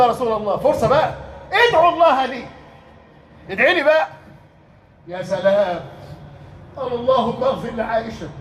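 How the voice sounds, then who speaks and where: Egyptian guy preaching a friday sermon, really high voice, keeps asking questions for the crowd to finish, sounds far off in a big echoey room. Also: slight background noise. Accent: Egyptian Arabic. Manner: asks rhetorical questions that the crowd completes, lively and emphatic. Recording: echoey hall, mic at a distance.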